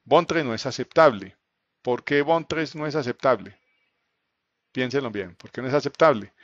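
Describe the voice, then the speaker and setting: A man's voice: medium pitch, moderate pace, a bit bright, no room sound. Male programming instructor, live online class, mid-range voice, dry and slightly muffled laptop-mic sound, patient and explanatory, keeps checking in with students. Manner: explanatory, asks students questions, frequent fillers like "entonces" and "¿cierto?". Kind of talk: live online class, screen-share walkthrough.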